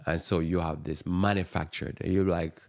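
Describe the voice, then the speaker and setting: Low-voiced preacher with a thick accent. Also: male voice, steady tone, moderate pace, darkish tone. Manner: rambling, repeats and restarts words; chuckles at his own asides. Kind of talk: sermon-style radio talk. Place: radio program.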